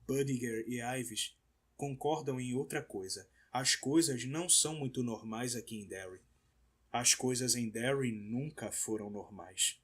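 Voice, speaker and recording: A man narrating an audiobook in a measured, somber reading. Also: mid-range voice, slightly rough. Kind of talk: scripted narration.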